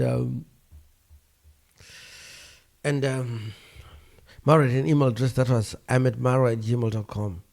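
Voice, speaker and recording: A man's voice: medium pitch, vocal fry, darkish tone. A man giving casual, frank, opinionated commentary on online personalities, often breaking into exclamations. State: tired, yawning. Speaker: online commentator reviewing YouTubers.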